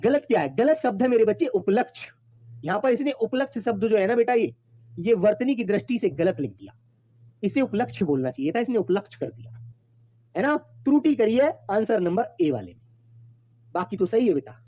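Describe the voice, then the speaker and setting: A man's voice: high voice, big pitch swings, brisk, mellow, no room sound, lo-fi sound. A man teaching a Hindi exam-prep class online, calling his students his children and repeating each point patiently.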